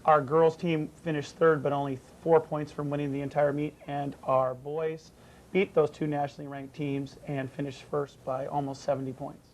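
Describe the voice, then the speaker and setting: A man, a cross country coach, answering interview questions and naming runners in plain steady talk. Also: a little high, normal speed, a little hiss or hum, low-quality recording. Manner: steady, plain commentary with fillers. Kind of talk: studio interview.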